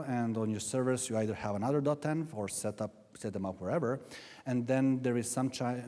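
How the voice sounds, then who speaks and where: A man's voice: lowish voice, warm tone. A man with a Serbian accent giving a sarcastic, mocking conference talk, often cutting himself off to correct a word. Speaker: conference speaker. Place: conference hall. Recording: long hall reverb.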